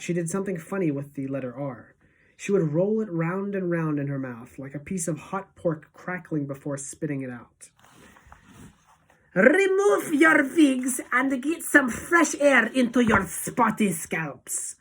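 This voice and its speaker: A woman teacher reading a novel aloud to students, expressive and shifting between hushed and emphatic. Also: low voice, poor audio.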